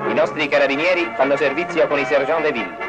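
A man's voice: on the high side, fast. A man narrates a 1940s newsreel travelogue in a formal, scripted announcer's style. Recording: dull, lo-fi 1940s archival newsreel soundtrack. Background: brass music.

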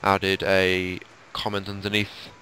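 Casting: low-voiced male let's-player, tired and croaky, chatty tour-guide delivery, faint hiss. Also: monotone, slow, bright, forceful tone. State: sleepy, croaky late-night voice. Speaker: let's play co-host. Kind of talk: casual gameplay commentary.

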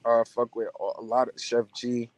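A young man in his twenties from New Jersey chats casually as a podcast guest over a video call from inside his car, using slangy talk and lots of fillers. His mid-range voice is level, moderately paced, and a little mellow. The phone camera held at arm's length gives a low-quality recording.

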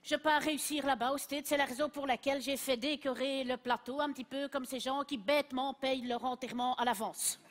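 A woman's voice: sits high, steady tone, brisk, hardly any pauses, close to an everyday voice. A woman playing a chatty, self-assured Belgian cleaning lady with a Belgian accent, rambling in a stand-up sketch on a TV stage. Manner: rambling, confidently wrong. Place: TV studio stage.

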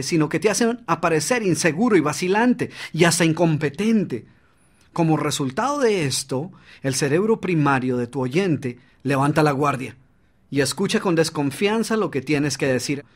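A man's voice: on the high side, animated, moderate pace. A man narrating his own audiobook on public speaking, coaching the listener directly and demonstrating shifts in volume and pace.

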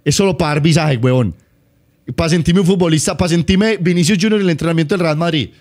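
A young man from Colombia with a Paisa accent, chatting excitably on a home live stream, swearing and teasing. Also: fairly high pitch, fast. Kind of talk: casual live-stream chat.

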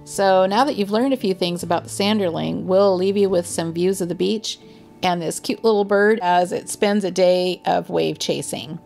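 A woman giving calm, informative scripted narration for a nature vlog, gently enthusiastic as she explains. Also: on the low side, moderate pace, creaky, soft background music. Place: voice-over, not recorded on the beach.

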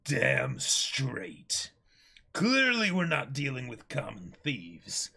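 Guy doing a ranting pirate clown captain, gravelly and sharp, short fuse, comic dramatic reading. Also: medium pitch, wildly swooping pitch, slow, voice pushed down, exaggerated voice. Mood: menacing, commanding. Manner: theatrical, ranting.

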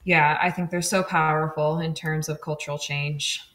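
A woman's voice: sits low, steady tone, moderate pace, fairly bright tone, echoey room, slight background noise. A woman guest in a casual interview, chatty, with frequent laughs and fillers. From Oregon, USA. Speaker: podcast guest, street-safety advocate.

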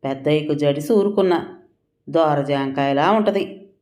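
A woman's voice: deep voice, moderate pace, a little mellow, close to an everyday voice. A woman reading as a crude drunken village man. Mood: boastful. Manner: coarse, gossiping talk.

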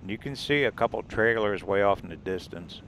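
A man with a lowish voice talks briskly while driving desert roads for his RV-travel vlog, with slight background noise in the clip. His narration is relaxed and meandering, and he points out sights as he goes.

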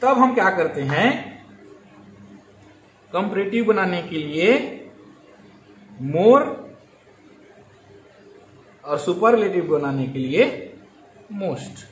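A male teacher explaining English grammar slowly, repeating key words and drawing out his examples. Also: high-pitched, expressive, a bit bright. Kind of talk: grammar lesson. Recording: echoey room with faint ambient noise.

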